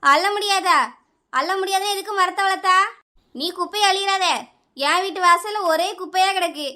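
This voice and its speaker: A high, piercing voice with a Kanyakumari Tamil accent belongs to a quarrelsome village neighbour, played by a woman. She scolds and complains without pause. Her tone is bright and sharp. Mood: scolding.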